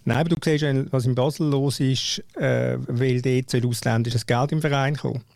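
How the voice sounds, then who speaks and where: Swiss german guy debating casually, creaky gravelly voice, dry sound, repeats himself for emphasis. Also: mid-range voice, steady tone, normal speed, darkish tone, no room sound. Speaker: football panellist. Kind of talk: casual discussion.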